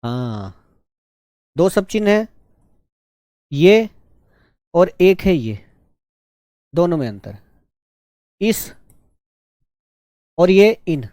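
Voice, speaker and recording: A man teaching a shorthand class, teasing his students and dictating words slowly. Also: sits high, very animated, dark tone, dry recording, clean studio sound. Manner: slow, drawn-out dictation. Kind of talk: live online class dictation.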